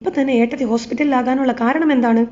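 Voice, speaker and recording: A woman's voice: high voice, steady tone, fast talker, a little mellow, natural voice. A woman reading the lines of a scheming, scornful middle-aged mother-in-law. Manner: scornful, sneering. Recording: slightly dull lo-fi recording.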